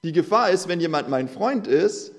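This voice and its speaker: A male preacher talking to his congregation in an earnest, conversational sermon. His voice sits a little higher than most men's. When he reads scripture he slows right down and leans on the words. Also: lively intonation, vocal fry, soft background music.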